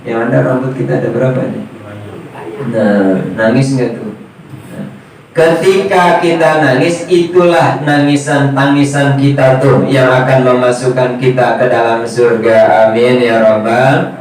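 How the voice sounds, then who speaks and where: A male preacher giving a sermon with animated storytelling, talking straight to his listeners, in a prayer room. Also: medium pitch, measured pace. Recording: echoey room, distant mic, faint noise.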